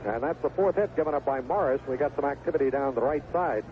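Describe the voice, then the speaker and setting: A male baseball announcer with a medium-pitched voice calls the action at a quick pace, heard as tinny vintage radio. His live play-by-play from the outdoor ballpark booth is folksy and colorful. The recording is a noisy 1970s AM broadcast.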